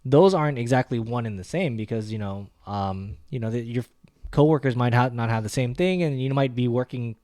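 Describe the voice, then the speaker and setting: A man's voice: medium pitch, fairly quick, darkish tone, no room sound. A young man talks in a loose, chatty way and fills his sentences with "like" on a casual podcast. His voice is recorded close and dry, with no room sound around it. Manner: loose and chatty, heavy use of "like", joking asides. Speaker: podcast co-host.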